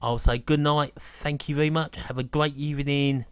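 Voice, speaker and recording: A man's voice: a little high, steady tone, moderate pace, clear, resonant tone, dry recording. A man giving casual live football commentary from an outdoor stadium on a cold evening, chatty and opinionated and laughing at his own jokes.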